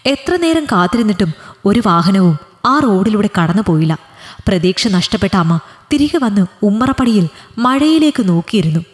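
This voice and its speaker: A woman's voice: mid-range voice, moderate pace. Young woman narrating a dramatic story. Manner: expressive, dramatic reading. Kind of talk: first-person story narration. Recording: long hall reverb.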